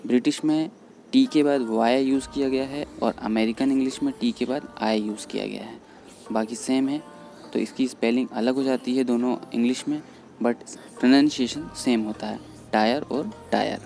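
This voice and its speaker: A man explaining English vocabulary in Hindi, patiently repeating each word slowly. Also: mid-range voice, fairly even intonation, creaky, dark tone. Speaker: English teacher. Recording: faint background music under voice. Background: faint background music.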